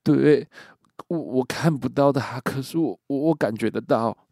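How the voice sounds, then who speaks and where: A man's voice: mid-range voice, measured pace, creaky, darkish tone, dry recording, studio quality, pitched above the performer's own voice. A man voicing a terrified young man who stammers in panic on a phone call.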